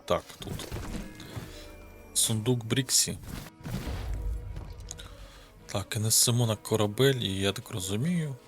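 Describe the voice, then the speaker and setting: Slow and full of pauses, this low-leaning male voice has a Ukrainian accent. As a gaming video host, he offers offhand gameplay commentary, mumbling to himself and cursing casually while game music plays.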